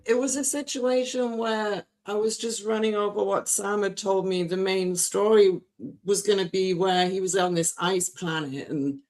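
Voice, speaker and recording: A woman's voice: on the low side, a little mellow. Woman guest artist, rambling, emotional, laughs a lot, casual stream chat.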